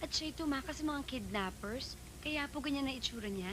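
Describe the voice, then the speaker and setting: A woman's voice: high voice, lively intonation, brisk, noisy background. An actress playing a polite but frank young woman in film dialogue. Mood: concerned.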